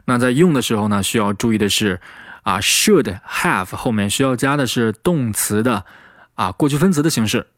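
A man teaching English pronunciation, repeating example phrases slowly and then at speed. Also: mid-range voice, lively intonation, a bit bright, no echo, clean studio sound.

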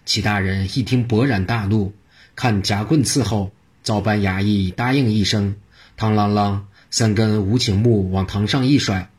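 A man reading a traditional story aloud in a steady narrating manner. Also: fairly low pitch, moderate pace, slightly rough.

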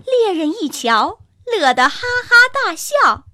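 A woman telling a children's bedtime story in a slow, expressive, sing-song way. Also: very high-pitched, no room sound, clean studio sound. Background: soft music.

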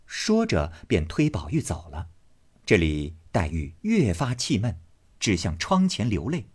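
A man narrating a classic novel in an expressive storytelling manner. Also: low voice, breathy edge.

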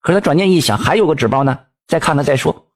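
A man, telling a folk tale in lively colloquial speech. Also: on the high side, racing. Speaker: storyteller.

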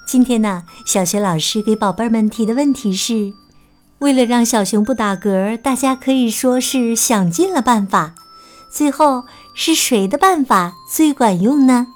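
A woman's voice: fairly high pitch, normal speed, a little mellow. A woman narrating bedtime sleep stories for young children in a soothing, teacherly way, addressing them tenderly. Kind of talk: sleep story narrator, bedtime picture-book storytelling. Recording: music behind the voice. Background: music.

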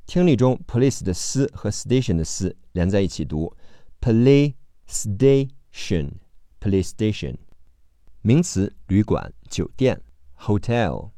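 A man with a low, warm voice teaches vocabulary by phonics, breaking each word into its letters before saying it twice. His pitch rises and falls a lot, and his pace is slow and deliberate. The sound is dry and close, with no room around it. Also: very animated, no room sound. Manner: spells letters then repeats each word slowly. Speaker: English teacher.

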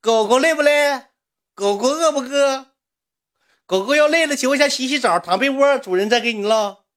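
A man putting on the voice of a domineering female patron who coos at him like a pet dog, in a mocking sugary high voice. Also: normal speed, a bit bright. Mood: cooing.

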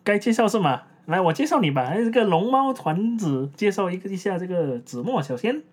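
A woman's voice: mid-range voice, sing-song, brisk, darkish tone, slightly rough. A woman from Malaysia with a Malaysian accent, chatting casually as a podcast co-host in non-standard Mandarin, like a foreigner searching for words and repeating herself. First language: English-schooled Malaysian Chinese, non-standard Mandarin. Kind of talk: casual unscripted podcast chat.

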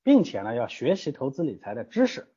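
A man's voice: mid-range voice, wildly swooping pitch, a little fast, mellow, breathy edge, muffled recording. A man answering interview questions as a guest from an investment platform, emphatic and full of rhetorical questions.

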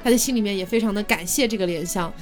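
A woman casually retelling a classic ghost tale as a co-host, chatty and expressive. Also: mid-range voice, racing, faint music behind. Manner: chatty, expressive, laughs often. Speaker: storytelling co-host.

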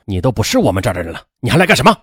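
A man's voice: lowish voice, very animated, brisk, husky, no echo, clean studio sound, voice pushed down, exaggerated voice. A man voicing a cold, impatient boss who sneers. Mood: contemptuous. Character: sneering arrogant male boss.

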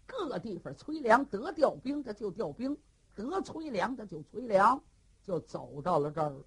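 A storyteller narrating a classic historical tale in a colloquial, animated way. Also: medium pitch, normal speed, slightly rough. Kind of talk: traditional storytelling.

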